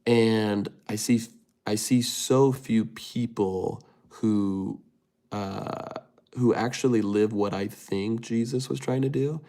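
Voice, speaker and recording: A livestream host with a fairly low, darkish, fry-tinged voice reads comments from his chat out loud. He responds casually and ramblingly, restarting his sentences again and again.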